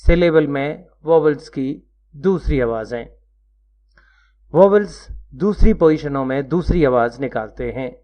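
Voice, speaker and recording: Slow, measured man explaining pronunciation. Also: a little high, lively intonation, mellow. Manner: slow, measured, spelling out letters one by one. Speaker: teacher. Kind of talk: scripted lecture narration. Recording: dull lo-fi recording.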